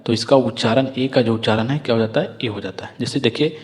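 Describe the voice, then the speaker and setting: A man gives a reading lesson in a patient, repetitive way, asking the viewer questions and answering them himself. His voice sits at an ordinary middle pitch. It rings with a long reverb, as if in a hall. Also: fairly even intonation, quick pace. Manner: patient, repeats each point and asks the viewer questions. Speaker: English reading teacher. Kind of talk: explaining lesson.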